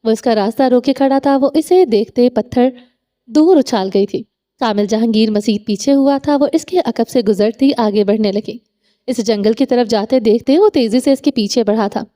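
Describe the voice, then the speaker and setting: A woman narrating a romance novel audiobook with steady, dramatic storytelling. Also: a little high.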